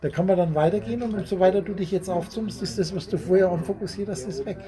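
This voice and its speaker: A man's voice: high-pitched, fast talker, crowd noise. A man giving a rambling, repetitive spiritual talk to a small group at a meeting, often laughing as he speaks.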